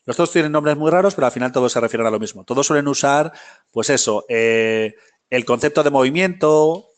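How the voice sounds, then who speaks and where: A man's voice: medium pitch, fairly quick. A man teaching a film history class live, talking casually, often checking in with his students and correcting himself as he goes. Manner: many fillers and self-corrections.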